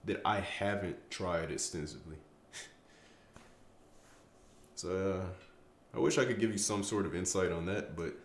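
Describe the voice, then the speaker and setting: A man's voice: low voice, a little slow, roomy sound, slight background noise. A tired young man chatting casually on a late-night stream, rambling and stumbling over his words, with self-mocking trash talk. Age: young adult. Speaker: streamer answering chat.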